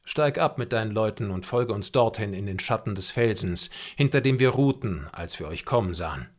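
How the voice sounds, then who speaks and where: A man's voice: lowish voice, expressive, moderate pace. A man voicing a bold, commanding frontier hunter in an audiobook, speaking firmly and decisively. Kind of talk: audiobook character reading.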